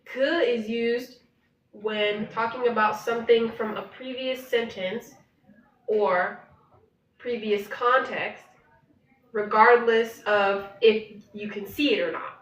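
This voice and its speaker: A woman's voice: on the high side, steady tone, slow pace. A woman co-hosting a casual live study session, reading her notes aloud and laughing off her slips. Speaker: co-host studying Korean. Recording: roomy, distant, dull and slightly noisy.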